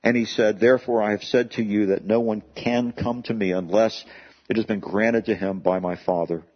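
A man's voice: lowish voice, fairly even intonation, normal speed. A male pastor preaching a sermon in a church service, earnest, asking the congregation questions and restarting his words as he goes. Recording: dull lo-fi sermon recording.

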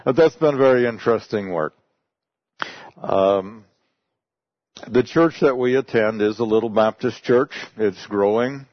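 A native English-speaking missionary tells a congregation about his work in a folksy, conversational storytelling style. His voice is medium-pitched and measured, with frequent pauses, on a dry, dull lo-fi recording.

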